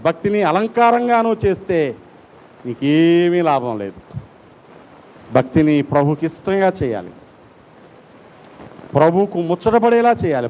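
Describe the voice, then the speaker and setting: A man preaching as pastor, fervent, swinging from loud cries to low, hushed prayer. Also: slight background noise, rough recording. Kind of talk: impassioned sermon and prayer.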